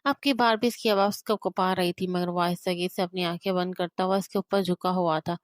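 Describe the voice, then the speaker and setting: A woman reading a romance novel aloud in steady, emotive scripted narration. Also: fairly low pitch, no echo, clean studio sound.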